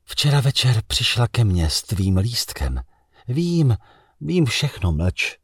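A dreamy, bold young woman whispers of flying off with her lover, her voice lifted high and soft, as a man reads her part. The reading is husky and dry, with no room around it. Her manner is wistful and hushed throughout. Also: sing-song, dry recording.

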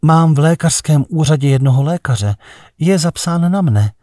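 A man's voice: fairly high pitch, expressive, mellow, no room sound, studio quality, pitched above the performer's own voice, natural voice. A man voicing a cool, mocking, self-assured woman in a story reading, asking provocative questions. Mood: teasing.

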